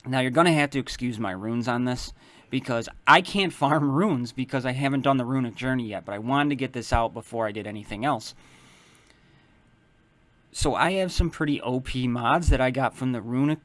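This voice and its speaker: A man casually walking through a mobile game character build, explaining his choices in a relaxed way and often starting lines with "so". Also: medium pitch, moderate pace. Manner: self-correcting, loose phrasing. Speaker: mobile game guide maker. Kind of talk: casual game strategy walkthrough.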